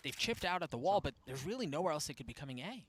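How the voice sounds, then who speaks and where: A man's voice: fairly high pitch, very animated, fast, crowd noise. A man doing esports caster play-by-play on a live match, his voice rising sharply with the action.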